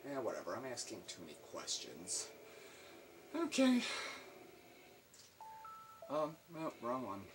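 A man doing gameplay commentary, joking and yelling in mock panic at the enemies. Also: medium pitch, wildly swooping pitch, slow, long pauses, noisy background. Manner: jokey, panicky, yells at enemies. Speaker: let's play commentator.

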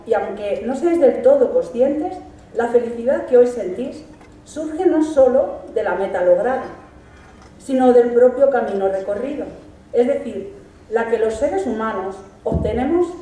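A middle-aged teacher with a Spanish accent from Spain reads a formal graduation speech at a lectern on a large hall stage, measured and emphatic and full of lists. Her voice is fairly high with a dark tone. Picked up by a stand mic yet recorded from afar, the sound is distant and echoey.

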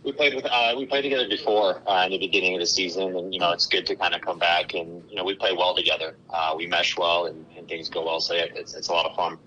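A man with a very deep yet bright, sharp voice relays a player's answers in English. He paraphrases quickly and casually. The sound is dull and lo-fi, as if from off the mic. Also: steady tone. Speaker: interpreter. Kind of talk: interpreting answers.

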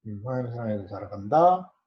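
A man's voice: on the low side, sing-song, rapid-fire. Man leading a casual Bible study. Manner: conversational, asks the group questions, acts out quoted parents and children. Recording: dull lo-fi recording.

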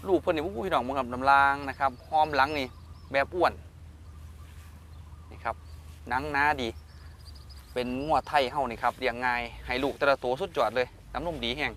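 A man with a northeastern Thai Isan accent doing a hyped live-seller pitch to viewers, often prompting them for agreement, recorded outdoors over noise. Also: fairly quick, long pauses, fairly bright tone. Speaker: host of cattle-sale videos.

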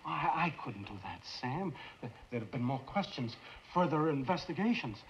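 A man's voice: fairly high pitch, big pitch swings, moderate pace, background noise. A man playing a frightened, guilt-ridden scientist who stammers and pleads, in 1950s film noir acting. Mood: anxious, pleading. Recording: muffled 1950s film soundtrack.

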